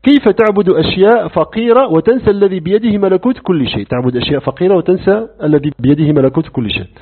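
A man's voice: high voice, fast talker, husky. A man teaching a lesson on creed, asking rhetorical questions and acting out dialogues. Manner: animated, asks rhetorical questions, acts out dialogues. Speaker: religious teacher. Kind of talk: lecture on creed. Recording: narrow phone-like lo-fi recording.

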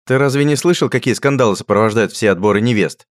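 A man voicing a mocking, jokey young male friend who talks loud, teasing and lively. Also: medium pitch, fast, no room sound, studio quality, pitched above the performer's own voice, lightly acted.

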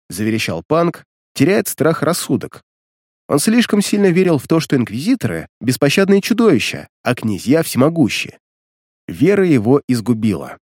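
A man narrating an audiobook with expressive storytelling. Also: mid-range voice, dry recording, studio quality.

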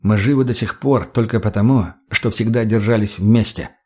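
A man's voice: on the low side, moderate pace, mellow, lightly acted. A man as a stern leader barking orders. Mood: commanding. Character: stern commanding male group leader.

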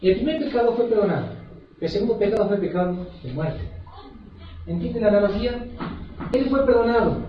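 Hoarse preacher in an echoey hall. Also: male voice, high voice, lively intonation, a little fast, pauses often, slight background noise. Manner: emphatic, asks the congregation questions. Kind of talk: sermon. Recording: echoey hall from far off, dull and lo-fi.

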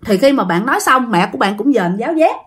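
A woman with a Southern Vietnamese accent telling a ghost story, chatty and animated, speaking straight to her listeners. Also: fast talker, husky. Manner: animated, acts out quoted voices with big pitch jumps; chatty, addresses listeners directly.

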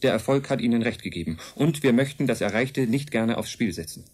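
In a German radio drama, a male actor with a natural, medium-pitched voice plays a calm, earnest envoy from an advanced race. He speaks in a measured, matter-of-fact way, with a firm, sober mood.

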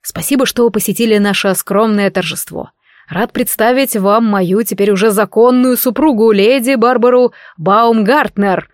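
A woman voicing a male necromancer lord who speaks quietly, in a smooth, insinuating and sarcastic way. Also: a little high, moderate pace, dry recording, studio quality, lightly acted. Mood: quietly mocking.

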